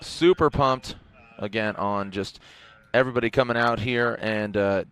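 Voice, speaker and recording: A man's voice: lowish voice, moderate pace, fairly bright tone, clear, resonant tone. Hyped man co-hosting a race stream. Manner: hyped, playful banter, teasing. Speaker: stream co-host. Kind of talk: live motorsport stream chat.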